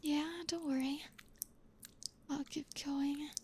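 A young woman whispering softly in an intimate ASMR roleplay, reassuring and coaxing, with frequent low hums. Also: little pitch movement, a little hiss or hum. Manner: soft unvoiced whispering, slow and soothing.

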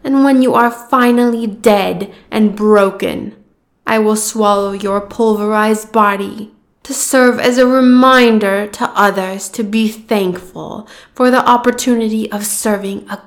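A woman voicing a cruel, gloating giant goddess who speaks in slow, taunting threats. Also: mid-range voice, fairly even intonation. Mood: menacing. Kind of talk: fantasy audio roleplay.

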